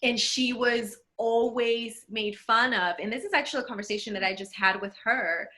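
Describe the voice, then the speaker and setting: A woman from El Salvador talking casually with a friend on a podcast, animated and laughing often. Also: on the high side, moderate pace. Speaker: podcast co-host. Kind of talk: casual conversation.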